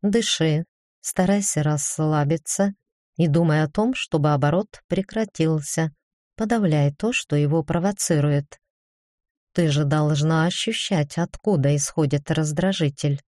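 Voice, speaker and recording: A woman reading the part of a stern but caring female academy dean in an audiobook, firm and brisk, then gently coaxing. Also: sits low, no room sound, studio quality.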